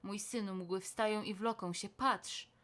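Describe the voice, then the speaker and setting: A woman voicing a calm father who reassures his son in a gentle, lowered tone. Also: unhurried, lightly acted. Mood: soothing.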